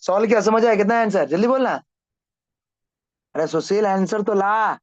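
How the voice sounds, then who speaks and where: A brisk male maths teacher with a fairly high voice, pressing his class to finish their sums, and drifting into loose chat in between. His voice sounds dry, close and a little dull, recorded in a classroom. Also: dry recording. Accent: Hindi-speaking, from north India. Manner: brisk, urging students to hurry. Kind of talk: classroom teaching and banter with students.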